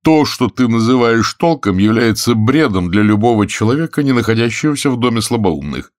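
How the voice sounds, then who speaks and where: Imperious stepmother, domineering and cutting, with a lively swing, read by a man. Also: medium pitch, fairly quick, dry recording, studio quality, voice pushed up, natural voice. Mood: scornful. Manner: imperious, categorical.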